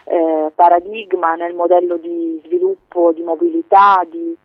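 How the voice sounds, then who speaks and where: A woman speaks over a thin, tinny phone line with no room around her voice. She answers interview questions as a politician guest, measured and steady, often pausing on hesitations and filler phrases. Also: on the low side, no echo. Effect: heard over a phone line.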